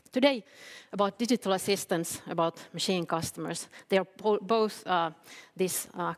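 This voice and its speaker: A Finnish woman, a company CEO, giving an earnest conference talk with many fillers and restarts. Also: fairly low pitch. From Finland. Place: event hall. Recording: long hall reverb from a public address system.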